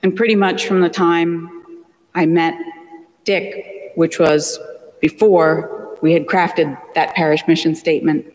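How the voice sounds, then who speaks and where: A man reading the Gospel and preaching a funeral homily from a church pulpit, slow and solemn, with deliberate pauses. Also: a little high, level tone, a little mellow. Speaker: priest. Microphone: distant pulpit mic, far camera. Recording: long church reverb.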